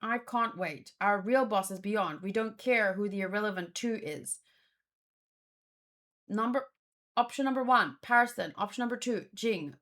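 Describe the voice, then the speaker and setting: Hosting a manga read-along, a woman with a mid-range, slightly bright voice speaks a little slowly. Her casual reactions come out as musing, hesitant thinking aloud, with frequent repeated words.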